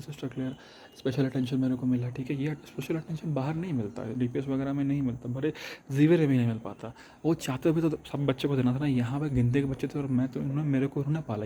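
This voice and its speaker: Mellow-voiced man telling his story. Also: mid-range voice, slight background noise. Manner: halting, many restarts, mixes Hindi and English. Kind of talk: reflective personal storytelling.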